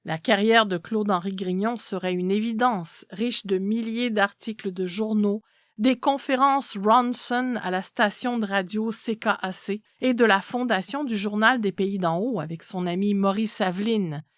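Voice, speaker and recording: A woman's voice: mid-range voice, moderate pace, no echo, clean studio sound. A woman reading a literary story aloud as a scripted narration.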